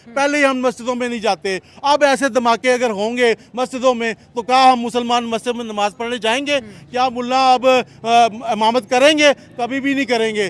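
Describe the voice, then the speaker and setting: An interviewee on the street gives a heated, impassioned opinion in a Pakistani Urdu accent, packing his talk with rhetorical questions and repeating "theek hai?". His voice is extremely high-pitched with a fairly bright tone.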